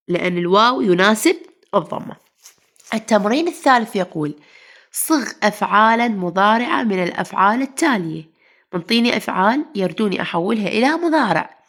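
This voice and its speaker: A woman's voice: mid-range voice, a bit bright. A woman teacher with an Iraqi Arabic accent, a little unwell, explaining a grammar lesson and asking the class questions she then answers. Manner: asks the class then answers herself, calls pupils "mama".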